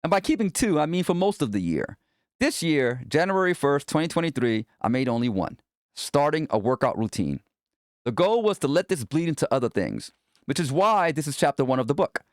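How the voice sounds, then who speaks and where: An author reads his own self-help audiobook aloud in a slightly high voice, speaking a little fast with big pitch swings. He talks directly to the listener in a conversational, motivational style, and the sound is dry with no room echo.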